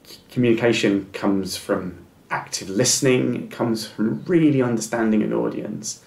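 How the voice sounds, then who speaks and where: A middle-aged guest in a reflective interview speaks at a moderate pace in a medium-pitched, gravelly, darkish voice. His advice is earnest and encouraging, delivered with a stammer of repeated words and restarts. The setting is an echoey room with faint music playing.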